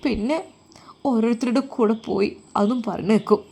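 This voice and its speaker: A woman voicing a stern, weary religious husband with a Malappuram Malayalam accent, in a lowered, quiet, firm voice. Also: normal speed, gravelly, breathy edge.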